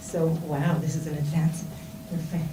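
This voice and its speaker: Low-pitched and level, at a moderate pace, a middle-aged Israeli woman gives a casual seminar talk to students. Her English has a Hebrew accent and lots of fillers and restarts. Noise and a roomy, distant quality mark the recording.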